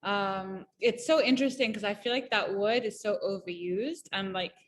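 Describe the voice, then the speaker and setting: A woman from Malawi, in her thirties, appears as an entrepreneur guest in a relaxed conversational interview. She chats cheerfully and at length, often using fillers and starting over. Her voice sits at a medium pitch and keeps a moderate pace, with slight noise in the background.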